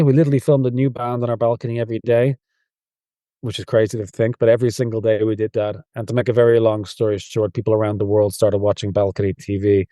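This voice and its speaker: Soft-spoken Dublin Irishman, dark voice. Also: fairly low pitch, no room sound, studio quality. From Ireland. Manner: rambling storyteller, relaxed. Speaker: guest. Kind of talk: casual interview.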